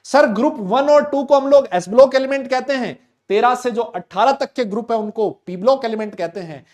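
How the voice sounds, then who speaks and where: Loud high-voiced male chemistry teacher. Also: normal speed. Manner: loud, talks to students, voices their questions back. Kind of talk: live online class lecture. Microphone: desk mic with level meter.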